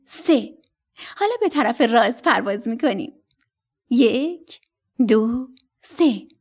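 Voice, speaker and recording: A woman's voice: a little high, a little mellow, husky. A woman voicing a strict, protective mother stork in a children's radio story. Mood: firm. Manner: coaxing, instructive.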